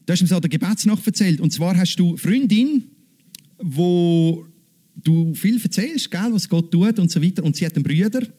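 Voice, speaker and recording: A man's voice: sits high, expressive, moderate pace, dark tone. A man preaching, emphatic and repeating key phrases, then interviewing a woman from the stage. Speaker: pastor. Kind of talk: sermon.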